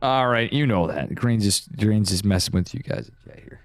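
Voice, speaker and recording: Hosting and commentating a game livestream, an esports caster from upstate New York chats and rambles casually with his viewers in an American accent. His voice is lowish with lively intonation at a normal pace. The sound has no echo, with soft music in the background.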